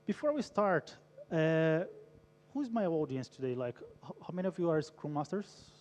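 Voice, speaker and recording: A man's voice: a little high, very animated, moderate pace, a little mellow. A man from Brazil, giving an engaging conference talk, polling the audience and telling a story. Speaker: conference speaker. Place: large conference hall. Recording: long hall reverb.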